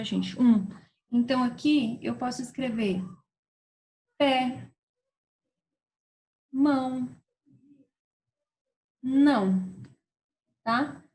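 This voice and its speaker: A woman's voice: on the high side, mellow, rough recording. A woman teacher, patiently explaining a grammar lesson and checking in with her students as she goes. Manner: patient, spelling words out slowly with frequent "tá?" and "certo?" checks.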